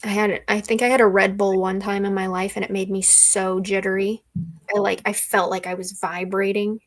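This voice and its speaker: A woman's voice: mid-range voice, level tone, normal speed. A woman co-hosting a reading livestream from home in casual chat, playful and teasing, often laughing.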